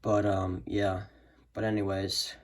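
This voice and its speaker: A hobbyist video maker rambles through a casual, unscripted product demo, hesitating and often trailing off with "so yeah." His voice sits low, his delivery flat and slow. The amateur home recording is clearly noisy.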